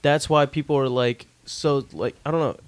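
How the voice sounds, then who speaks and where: A man's voice: on the high side, steady tone, moderate pace, clear, resonant tone. A young man hosting a casual podcast chat, thinking aloud with lots of fillers and restarts. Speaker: podcast host.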